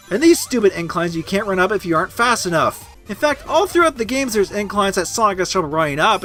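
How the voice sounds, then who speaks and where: High-pitched raging gamer man, sharp and ranting. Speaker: video game reviewer. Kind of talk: comedic angry gamer parody review, scripted narration with outbursts.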